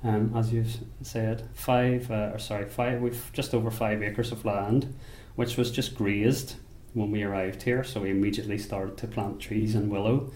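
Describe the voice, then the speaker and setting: Northern Irish craftsman, low steady voice, roomy sound with faint ambience; unhurried, thoughtful interview talk. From Belfast, Northern Ireland. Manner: unhurried, thoughtful, with frequent restarts. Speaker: basket maker. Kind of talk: interview monologue. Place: rural workshop or home.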